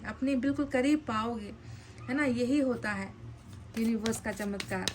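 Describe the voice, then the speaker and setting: A woman giving a casual tarot card reading, animated and repeating phrases for emphasis. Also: a little high, a little hiss or hum.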